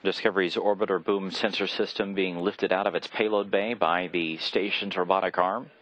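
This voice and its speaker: Man, very low pitch, explanatory live commentary, measured and hesitant, slightly muffled broadcast sound. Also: fairly even intonation, a bit bright, no echo. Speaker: mission commentator. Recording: slightly dull lo-fi broadcast audio.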